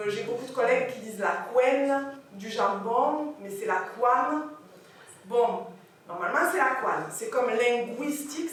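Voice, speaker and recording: A woman French teacher giving an animated lecture on pronunciation, checking in with her audience as she goes. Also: fairly high pitch. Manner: animated, corrects pronunciation, asks the audience questions. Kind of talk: lively classroom lecture. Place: lecture hall. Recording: echoey hall from far off, faint hiss.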